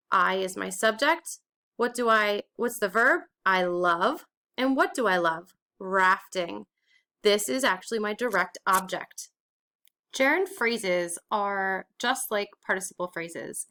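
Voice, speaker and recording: A woman's voice: medium pitch, bright, forceful tone. A woman teacher explaining a grammar lesson step by step, asking and answering her own questions.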